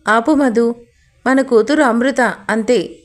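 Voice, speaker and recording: A woman's voice: a little high, slow pace. A woman voicing a stern father in an audio story, speaking firmly and curtly. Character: stern protective father, a man.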